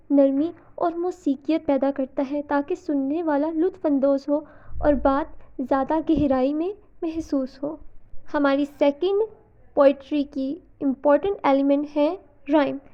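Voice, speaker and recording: A woman with a high, light voice teaches a literature lesson in a patient, explanatory way, reassuring her students as she goes. The recording sounds slightly dull and muffled, like a basic home microphone. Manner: explanatory, reassuring students, stresses syllables when modeling. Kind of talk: recorded lesson in mixed Hindi-Urdu and English.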